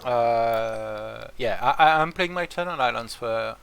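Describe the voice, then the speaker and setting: A French man streams a strategy game, chatting casually in French-accented English while he plays. His medium-pitched voice is slow, a bit bright and clean, with vocal fry, and his talk rambles with plenty of hesitations.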